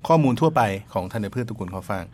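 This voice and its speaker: A young man co-hosting an educational radio talk, explaining briskly with lots of polite fillers. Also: on the low side, expressive, darkish tone. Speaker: co-host, independent scholar. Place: radio studio. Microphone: studio microphone.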